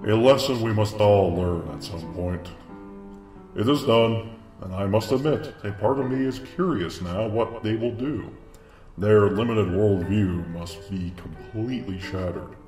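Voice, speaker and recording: In a comic dub, a man with a fairly low voice plays a cold, clinical monster scientist who experiments on his creations, delivering dramatic lines formally and deliberately with light acting. He sounds detached, yet a secret weariness lies underneath. The recording is distant and echoey, buried under loud music.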